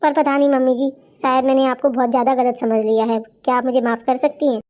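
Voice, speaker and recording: A frustrated, overworked young daughter-in-law in a cartoon story, voiced by a woman. Her voice is high and mellow, and she speaks in a plaintive, complaining way. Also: little pitch movement, fast talker, lo-fi sound, close to an everyday voice. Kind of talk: cartoon voice acting.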